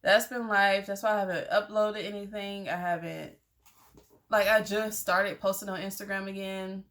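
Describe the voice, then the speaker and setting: A woman's voice: mid-range voice, steady tone, moderate pace, a bit bright. A young adult woman telling a personal story to her viewers, candid and conversational, with lots of "like" and "y'all". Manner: candid, conversational, uses many fillers like "like" and "y'all". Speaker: vlogger.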